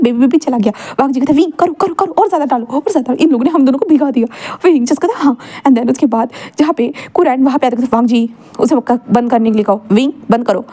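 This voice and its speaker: A woman's voice: fairly high pitch, warm tone. A young woman narrating a fan fiction story casually, reading out every character's lines herself and mixing English words into her talk, with fillers and restarts.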